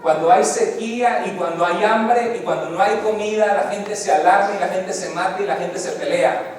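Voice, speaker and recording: A man's voice: high-pitched, moderate pace. A man pastor preaching a fervent Sunday sermon, building emphasis through repeated phrases, in a church sanctuary. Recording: echoey church hall, distant mic, faint noise.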